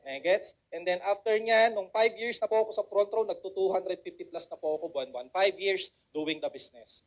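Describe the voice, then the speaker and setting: A man's voice: sits high, brisk. A man giving a motivational seminar talk to an audience, rhetorical and coaxing, repeating key phrases and asking for agreement. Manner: mixes English phrases into the talk. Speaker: motivational speaker.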